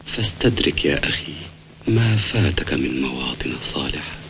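Very deep, solemn film hero. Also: male voice, animated, fairly bright tone, exaggerated voice. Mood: solemn, reflective. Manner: slow, measured, reverent delivery. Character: solemn man reading a letter of religious exhortation. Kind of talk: classical Arabic film acting. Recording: muffled, noisy 1950s film soundtrack.

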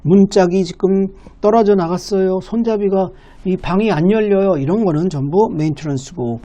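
A man who runs an English academy, teaching a listening lesson step by step and reading English lines slowly. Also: high voice, warm tone, lo-fi sound.

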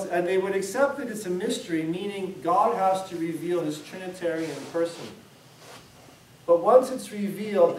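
A middle-aged priest gives an informal lecture, his voice sitting a little high for a man. He talks in a loose, discursive way, circling back and restarting his thoughts. The sound comes from a camera at the back of an echoey classroom. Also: darkish tone, slight background noise. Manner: conversational, discursive, many restarts. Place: church hall classroom. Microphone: far camera. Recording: echoey room from far off.

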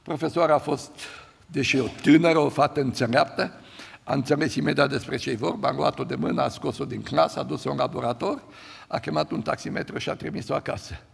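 Older male pastor, gravelly husky voice, church hall reverb. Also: mid-range voice, fairly even intonation. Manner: storytelling, swings from loud to hushed. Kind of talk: sermon.

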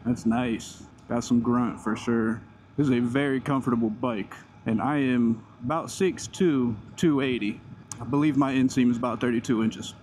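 A man's voice: mid-range voice, fairly even intonation, normal speed, a little mellow. Man talking inside a helmet while riding. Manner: laid-back enthusiastic, talking to himself and viewers while riding. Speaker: motorcycle vlogger. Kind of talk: casual riding commentary. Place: inside a helmet on a moving motorcycle, outdoors. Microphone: helmet mic right in front of the mouth. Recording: wind and engine noise in helmet. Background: motorcycle engine, wind noise.

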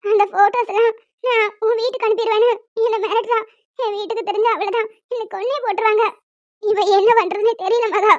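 A woman's voice: extremely high pitch, steady tone, fast talker, no echo, dull audio. A woman voicing a distressed young female college student who talks in an emotional, pleading way. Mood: worried.

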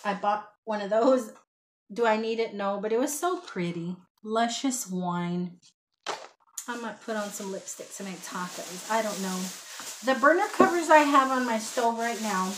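A woman's voice: medium pitch, slight background noise. A woman, chatting casually to a webcam at home as she shows her shopping haul, rambling with self-deprecating asides. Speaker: haul vlogger. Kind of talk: casual haul chat to camera. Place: small home room with shelves, indoors.

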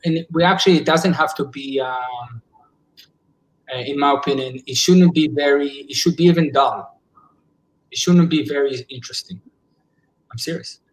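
A man in his forties speaks through a laptop webcam from home, his voice sitting a little high. He is earnest and thinks out loud, with frequent false starts and repeated words as he works his ideas out. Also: rough recording. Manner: earnest, searching for words with many restarts. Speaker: psychologist. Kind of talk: casual video call discussion. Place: indoors at home. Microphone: laptop webcam on a video call.

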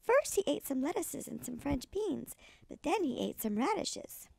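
A sweet older woman with a thin, creaky voice, reading a children's story expressively like a kindly storyteller. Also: sits high, big pitch swings, moderate pace, warm tone. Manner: sweet old lady.

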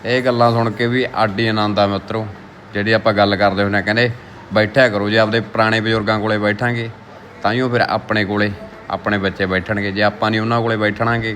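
Bright-voiced Punjabi man vlogging casually. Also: fairly low pitch, a little hiss or hum. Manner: playful, teasing with friends and children. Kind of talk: casual village daily vlog with chat.

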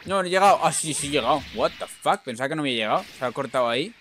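Excitable Spanish man commentating gameplay. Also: fairly high pitch, very fast, a little hiss or hum. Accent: Spain Spanish. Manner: excitable, teasing, frequent "tío". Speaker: gaming YouTuber.

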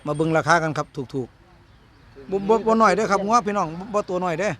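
A man's voice: high-pitched, brisk, pushed and bright. A man with an Isan, northeastern Thai accent presenting like a live seller, repeating prices and calling to viewers in an outdoor market. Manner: repetitive sales patter addressing viewers. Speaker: cattle market video host. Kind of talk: live sales commentary, quoting prices to viewers. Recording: outdoor market ambience, background noise.

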